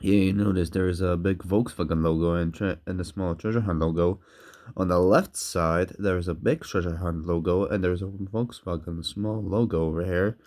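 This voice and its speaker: A man casually narrating a toy car unboxing in slow, halting, simple phrases, talking with a sore throat and candy in his mouth. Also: sits low, steady tone, darkish tone.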